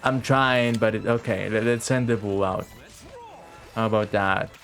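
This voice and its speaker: Over video game music, a male streamer delivers laid-back, sarcastic play-along commentary peppered with swearing. His voice is lowish and a bit bright, with a steady tone and measured pace.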